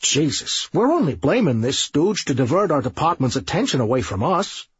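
A man voicing a nervous patrolman who frets over danger in quick, worried bursts. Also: a little high, very animated, breathy edge, dry recording, highs cut off, pitched above the performer's own voice, heavily acted. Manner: worried, hurried questions. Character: anxious male patrolman, rattled and nervous.

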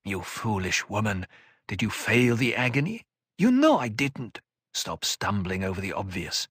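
A man voicing a calm, cutting older woman mentor in an audiobook, speaking in a measured, dry way. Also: fairly low pitch, breathy edge, no echo, voice pushed down, heavily acted. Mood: cool.

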